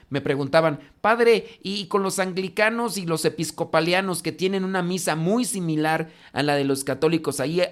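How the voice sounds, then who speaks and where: A Mexican priest leads a relaxed class, his voice rising and falling in lively swings. He chats, digresses and gently scolds his students. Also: high-pitched. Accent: Mexican Spanish. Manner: animated, chatty, teasingly scolding. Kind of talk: informal class answering questions.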